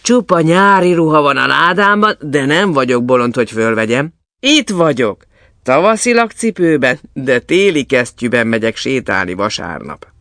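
A man's voice: medium pitch, no room sound, clean studio sound. A man voicing April, a boastful young prankster who teases and exclaims. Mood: playful. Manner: teasing, lively, exclaiming.

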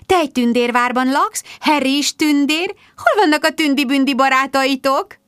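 A woman voicing a pushy young society woman who gushes and trills in a high, sugary voice. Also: fairly bright tone, no echo, clean studio sound. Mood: teasing, sugary.

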